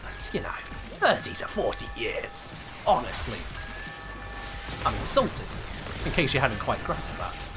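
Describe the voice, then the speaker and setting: Over music, an English game streamer in his twenties talks casually as he plays, reading chat aloud in a playful, mock-indignant way. His voice sits at medium pitch but swoops wildly, and he speaks a little slowly with frequent pauses.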